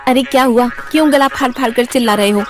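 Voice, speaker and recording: A woman voicing an impatient, mocking wife in a cartoon story, quick and snappish. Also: a little high, faint music behind, close to an everyday voice.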